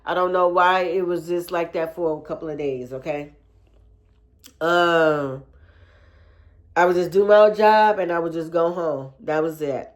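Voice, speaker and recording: A woman's voice: lowish voice, measured pace, long pauses. A young woman, telling a personal story in a chatty way with many fillers and calling her listeners y'all. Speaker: podcast host. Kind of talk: casual storytelling to camera.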